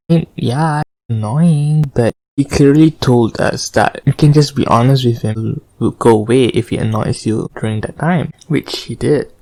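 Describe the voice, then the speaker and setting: A man's voice: medium pitch, darkish tone, no room sound, low-quality recording. A man chatting casually and hesitantly as host of an eating show, sharing opinions and stories between bites of cookies. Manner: informal, hesitant, opinionated storytelling; eats cookies between remarks. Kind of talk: casual rambling mukbang chat to viewers.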